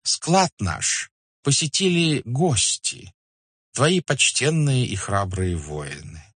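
A man's voice: medium pitch, very animated, takes it slowly, a bit bright, husky, dry recording, pitched above the performer's own voice, exaggerated voice. A man voicing an obsequious older merchant elder who speaks in a flowery, deferential, pleading way, read as an audiobook character. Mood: servile.

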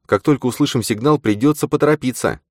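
A man reading an audiobook voices a practical young woman explorer with quick, earnest speech. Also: mid-range voice, dry recording, clean studio sound, pitched above the performer's own voice, lightly acted. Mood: urgent.

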